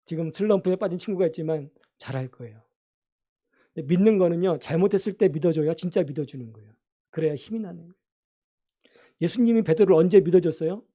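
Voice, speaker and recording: A man's voice: a little high, fast, dark tone. A man preaching a sermon as pastor in a church, earnestly asking the congregation questions. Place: church sanctuary.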